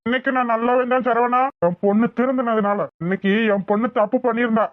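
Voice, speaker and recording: A voice actor playing a stern older father in a cartoon, low, weary and firm. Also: steady tone, fast, no room sound, lightly acted. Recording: tinny phone-like dry audio.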